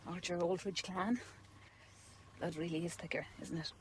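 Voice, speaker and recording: A woman's voice: lowish voice, steady tone, moderate pace, slight background noise, lightly acted. Wistful, hesitant woman, faint ambience acted. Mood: wistful, resigned. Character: wistful woman saying farewell to a close friend. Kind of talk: naturalistic radio soap acting.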